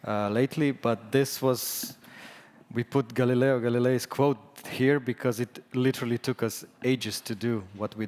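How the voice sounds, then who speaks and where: Slovenian man, non-native English, halting conference talk, medium pitch, long hall reverb. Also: a little mellow. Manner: hesitant, many fillers and restarts. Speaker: conference speaker. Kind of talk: conference presentation.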